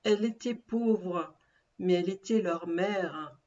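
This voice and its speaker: A woman teacher giving a dictation lesson, speaking slowly and carefully, repeating and spelling words aloud. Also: lowish voice, mellow, highs cut off.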